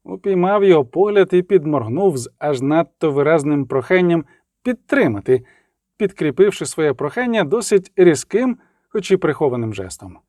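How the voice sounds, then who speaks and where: A man reads a novel aloud in a lively, dramatic storytelling manner. His voice sits high for a man and rises and falls vividly, and it is recorded dry and close with no room sound. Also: moderate pace, no room sound. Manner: expressive, dramatic reading. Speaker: audiobook narrator. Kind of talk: audiobook narration.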